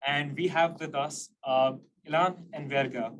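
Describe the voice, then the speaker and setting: A man introduces the next session hesitantly, filling pauses with "uh". He sounds set back from the mic, with clear background noise and clicks in the recording. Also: fairly high pitch, fairly even intonation, distant mic. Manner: hesitant, with many "uh"s. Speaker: session moderator.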